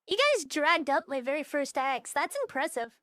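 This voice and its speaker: An expressive young woman with a high, fairly bright voice chats casually at normal speed during her VTuber livestream. Her talk is blunt, profane and scattered, her voice changer turned down to a more natural tone, in a dry studio-quality recording.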